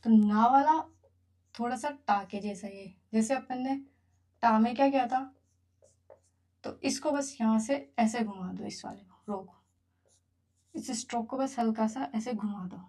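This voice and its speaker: A woman's voice: a little high, a little slow, pauses often, darkish tone. Patient woman teaching writing. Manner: patient, counts strokes aloud while writing. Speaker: Japanese teacher. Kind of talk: beginner writing lesson.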